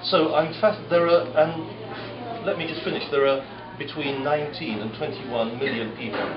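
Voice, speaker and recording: A British government advisor from the United Kingdom introduces himself to a group in an informal, wordy, self-deprecating way. His voice is on the high side at a moderate pace, recorded in an echoey, muffled room with crowd noise.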